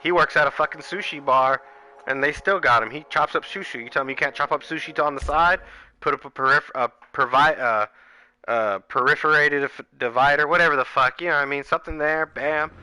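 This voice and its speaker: A man's voice: a little high, fairly quick, bright, forceful tone, dry recording. A man ranting casually and profanely while streaming a video game. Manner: profane, rambling, heated. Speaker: gaming streamer. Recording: music playing clearly behind the voice.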